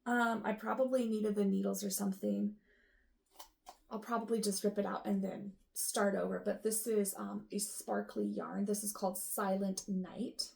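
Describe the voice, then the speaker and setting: A woman hosting a knitting show, sorting yarn and thinking aloud in a casual, unsure way, with a rough morning voice. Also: mid-range voice, flat delivery, normal speed, darkish tone. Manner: musing aloud, unsure, lots of ums and trailing off. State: rough morning voice with the odd cough. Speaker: knitting podcast host.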